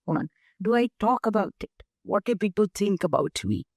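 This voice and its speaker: An older woman with an Indian accent, speaking as a guest in an interview, measured and emphatic as she explains through lists of examples. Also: medium pitch, lively intonation, vocal fry, darkish tone, no room sound, studio quality. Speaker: guest, nonprofit founder. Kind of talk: interview conversation.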